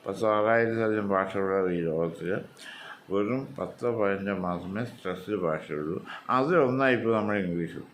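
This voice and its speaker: Malayali man teaching English stress, deep. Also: brisk, slight background noise. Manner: explains step by step, repeating words with heavy stress drills. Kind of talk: spoken English lesson.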